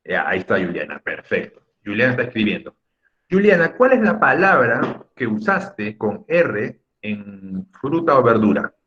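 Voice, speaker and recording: Very animated, a man with a fairly low, fairly bright voice teaches an online class at normal speed over a video call. He patiently encourages students by name, drawing out words to stress each syllable. His computer mic produces muffled, lo-fi audio.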